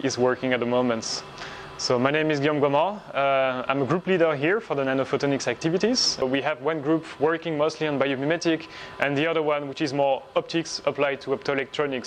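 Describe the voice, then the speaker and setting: A man in his thirties, a research group leader, explaining his work in a measured way with frequent pauses, filmed in a laboratory. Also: mid-range voice, a little hiss or hum. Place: laboratory indoors.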